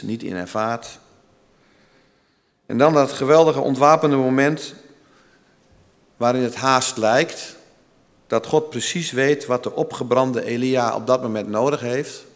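Man preaching in a church, unhurried and solemn, mid-pitched voice, long hall reverb. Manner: slow, gentle and solemn, with long pauses. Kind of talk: sermon.

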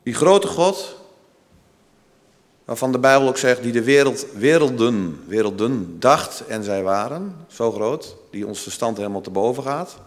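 A man preaching a sermon in a slow, gentle and solemn manner, with long pauses. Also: mid-range voice, lively intonation, big-room sound.

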